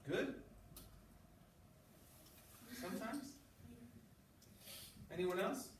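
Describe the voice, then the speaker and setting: A man with a high voice speaks very slowly and animatedly while teaching sixth-grade English. He reads aloud with running commentary, often pausing to ask pupils short questions. The distant mic picks up a roomy sound and background noise.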